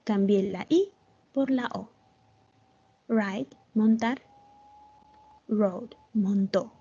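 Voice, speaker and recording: A woman's voice: mid-range voice, mellow, breathy edge, dull audio. A woman English teacher explaining a lesson patiently in an online class, often checking whether the students follow. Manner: patient, slow, repeats "¿Ven?" to check understanding. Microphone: video call.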